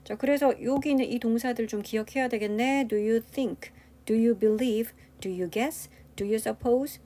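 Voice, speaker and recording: A woman's voice: a little high, takes it slowly, warm tone. A woman English teacher giving a grammar lecture, explaining step by step and asking the class rhetorical questions.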